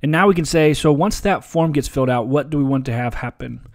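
A man presenting a relaxed, casual software tutorial over a screen recording, with frequent ums and uhs. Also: fairly high pitch, fairly quick. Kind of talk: screen-share software walkthrough.

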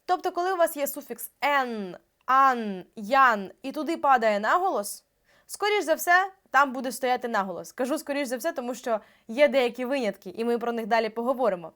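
A young woman teacher giving an exam-prep grammar lesson, explaining step by step and drawing out example words slowly. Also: sits high, expressive, fairly bright tone. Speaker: Ukrainian language teacher.

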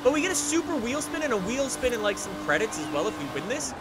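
A young man commentating a racing game let's play, excitable and energetic, sometimes breaking into shouts. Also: very high-pitched, quick pace, over loud music. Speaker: gaming YouTuber.

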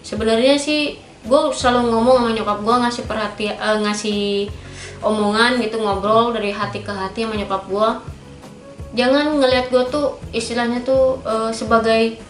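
A woman's voice: on the high side, steady tone, moderate pace. A woman, speaking frankly and firmly as a guest about her own life. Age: 30s. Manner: frank and firm, many filler tags. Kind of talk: candid personal interview. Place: small indoor pink-decorated studio. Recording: roomy echo with faint background music.

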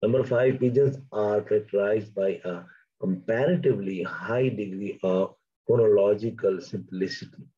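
A male lecturer whose first language is Urdu reads out academic notes and then breaks into plain explanations. His voice is low, husky and mellow. The recording sounds dull and lo-fi. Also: normal speed. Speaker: linguistics lecturer.

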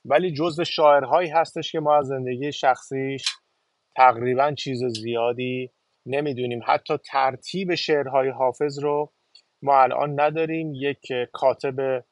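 Man, mid-pitched, measured lesson host, dry close recording. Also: dry recording. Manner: measured, explanatory, with fillers. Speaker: channel host teaching poetry reading. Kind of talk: informal spoken lesson.

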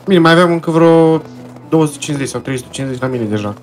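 A man's voice: on the high side, over loud music. A man, chatting casually with a friend while they play a game together, swearing now and then. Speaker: co-player. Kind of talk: casual gameplay chat.

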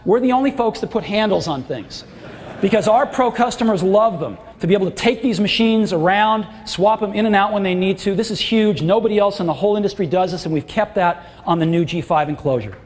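A man's voice: high-pitched, a little fast, slight background noise. A middle-aged man giving a product launch keynote on a large auditorium stage, with emphatic, enthusiastic salesmanship. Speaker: keynote presenter. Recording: long hall reverb, faint crowd.

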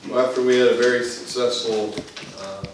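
A man's voice: mid-range voice, steady tone, a little fast. A man giving an upbeat finance committee update with fillers. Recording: echoey room from far off with noise.

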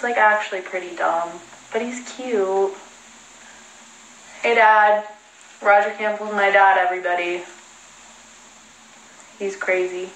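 A woman's voice: medium pitch, a bit bright. A young woman hosting a casual livestream from home, chatting in a rambling, self-mocking way while talking on a phone. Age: young adult. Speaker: livestream host. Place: indoors at home. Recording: echoey room.

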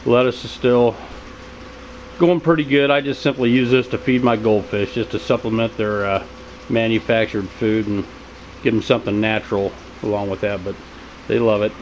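Speaking at a normal pace from behind a handheld camera, this man gives an offhand, unscripted video tour of a small basement hydroponics setup he keeps as a hobby. His delivery is plain and low-key. The rough recording is full of steady loud hum and water sounds.

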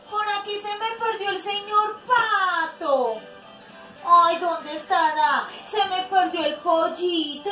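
A young woman, a preschool teacher, leads a playful children's lesson full of animal sounds, speaking in an exclamatory, sing-song way. Her voice is very high and fairly bright, heard a bit off-mic from a distance in an echoey room with faint music.

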